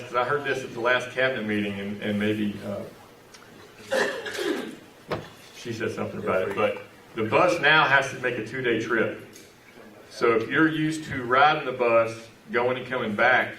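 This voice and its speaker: A man's voice: fairly low pitch, sharp tone, a little hiss or hum. Folksy man talking to a club meeting, recorded from far off in an echoey room. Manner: folksy and joking, with Texas slang like y'all. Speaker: visiting speaker at a club meeting. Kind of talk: informal talk to a club meeting.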